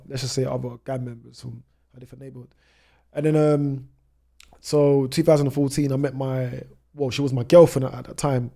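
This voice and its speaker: A gravelly, warm male voice of medium pitch comes from a thirty-something British travel vlogger. As a podcast guest, he tells his own story conversationally, frequently saying "you know."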